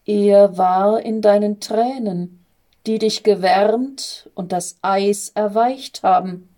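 A woman voicing a calm old wise angel. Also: mid-range voice, slow pace, natural voice. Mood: gentle. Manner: calm, explaining.

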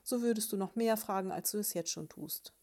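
Woman voicing a drowsy, exhausted male beetle in a storybook, murmuring slowly. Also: fairly low pitch, a little mellow, close to an everyday voice. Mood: shouting. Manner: drowsy, murmured, half-whispered answers. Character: sleepy, worn-out husband beetle, male.

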